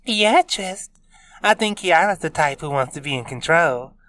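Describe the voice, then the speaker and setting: A man's voice: sits high, lively intonation, unhurried, fairly bright tone, pitched above the performer's own voice. A man voicing a sarcastic teenage girl who teases her friends, reading a web novel aloud. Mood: teasing. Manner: teasing, eye-rolling.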